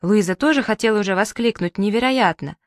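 A woman reading a children's story aloud in a calm, even storytelling manner. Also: mid-range voice, normal speed, no echo, studio quality. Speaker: narrator.

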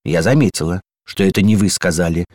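A man voicing a brisk, suspicious female ambulance in a storybook reading, businesslike and questioning. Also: low voice, a little mellow, no echo, studio quality.

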